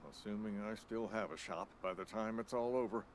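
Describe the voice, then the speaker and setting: An actor playing a cantankerous, proud old shopkeeper in a video game, blustering in a folksy rural American accent. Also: male voice, lowish voice, brisk, a little hiss or hum, close to an everyday voice. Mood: indignant. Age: older. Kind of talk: video game character acting.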